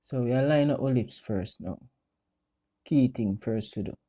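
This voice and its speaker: Very dark, mellow Jamaican man. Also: mid-range voice, moderate pace, faint music behind. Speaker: friend doing a makeup voice-over. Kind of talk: casual step-by-step commentary.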